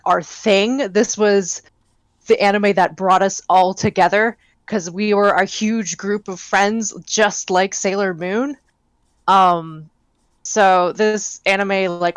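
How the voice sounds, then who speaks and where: A woman's voice: mid-range voice, steady tone, slow, no echo. Rambling young woman, dry close mic. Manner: rambling, enthusiastic, many fillers. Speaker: podcast co-host. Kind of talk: casual chat.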